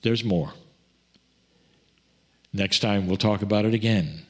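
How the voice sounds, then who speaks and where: A man speaking as a loving spirit entity in a channeled message, in a slow, tender, solemn way. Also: on the low side, pitched above the performer's own voice.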